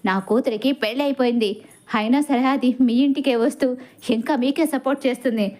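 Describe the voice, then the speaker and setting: A sharp-tongued middle-aged woman scolds and insults without pause, as a woman narrator plays her. Her voice rides high. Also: close to an everyday voice. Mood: defensive.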